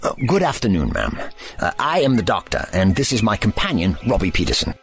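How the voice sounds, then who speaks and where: An actor playing a cantankerous, ancient time-travelling doctor in an audio drama, with formal, wordy diction and an impatient manner. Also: male voice, fairly low pitch, huge pitch swings, brisk, faint music behind. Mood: insistent. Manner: pompous, impatient.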